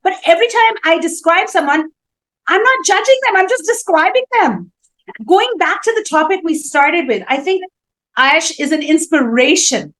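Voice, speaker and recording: High-voiced animated woman. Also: moderate pace, rough recording. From India. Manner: animated, storytelling, emphatic. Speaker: talk show co-host. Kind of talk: casual chat.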